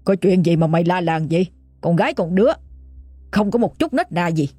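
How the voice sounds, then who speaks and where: A woman's voice: on the low side, expressive, brisk, mellow, husky, no room sound. A woman voicing a stern, commanding aging father, giving curt orders.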